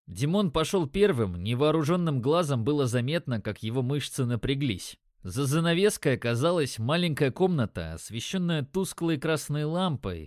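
A man narrating a story in a steady, measured audiobook style. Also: medium pitch, no echo, clean studio sound.

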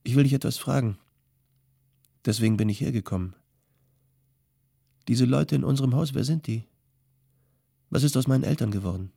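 A man's voice: mid-range voice, moderate pace, vocal fry, long pauses, warm tone, husky, dry recording, studio quality, pitched above the performer's own voice. A male audiobook reader voicing a young former bandit, wistful and uneasy, asking earnest, anxious questions. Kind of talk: audiobook character voice.

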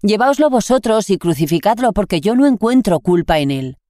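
Reader doing stern roman governor, spain spanish accent, measured questions, dry sound. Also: mid-range voice, big pitch swings, warm tone, no echo, voice pushed up, natural voice. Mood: firm.

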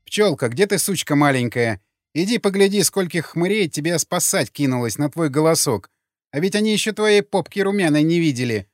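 A man's voice: fairly high pitch, lively intonation, a little fast, no room sound, studio quality, voice pushed up, lightly acted. A man voicing a crude, mocking woman who leads an armed gang, jeering and coarse.

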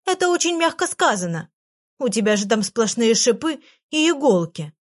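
Female reader doing tiny pushy storybook creature, high, excitable, tattling. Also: moderate pace. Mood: chirpy. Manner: lively, exclaiming, tattletale.

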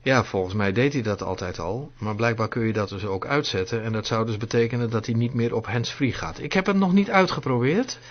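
A man's voice: mid-range voice, brisk, hardly any pauses. A man hosting a live voice chat, explaining settings step by step with many fillers. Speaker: host of a tech Q&A voice chat. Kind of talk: live demonstration over voice chat. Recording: dull lo-fi voice chat audio.

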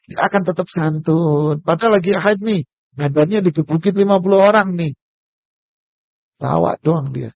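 Man preaching casually, jokey, talks right at the crowd, husky voice, dull dry lo-fi recording. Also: high-pitched, no echo. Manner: jokey, talks straight to the audience. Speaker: Islamic preacher. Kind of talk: casual humorous religious lecture.

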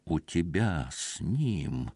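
A man voicing a jealous, frightened village wordsmith who speaks low and hoarse through gritted teeth. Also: big pitch swings, takes it slowly, no echo, clean studio sound, full character voice.

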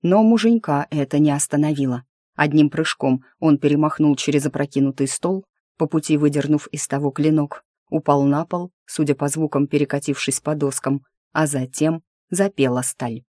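A woman's voice: low-pitched, moderate pace, no echo, clean studio sound. Wry woman narrating a fantasy audiobook. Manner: lively, wry first-person storytelling.

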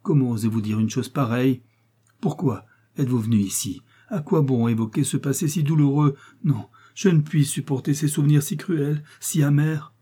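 A man's voice: medium pitch, moderate pace, dark tone, breathy edge, natural voice. A man voicing a nervous aging woman servant who trembles and sobs as she pleads. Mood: agitated. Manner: trembling, sobbing pleas.

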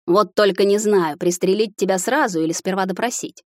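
A woman's voice: mid-range voice, brisk, a little mellow, no room sound, studio quality, natural voice. A woman voicing a mocking, hostile male security officer who talks in a sneering, curt way.

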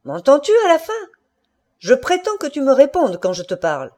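A woman's voice: medium pitch, lively intonation, a little slow, mellow, lightly acted. A woman reading aloud and voicing a jealous middle-aged husband who badgers his wife, stammers when shaken and flares into fury. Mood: furious.

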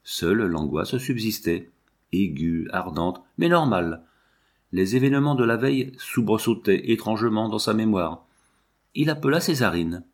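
A man narrating a novel as an audiobook, reading in a measured, expressive way. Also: lowish voice.

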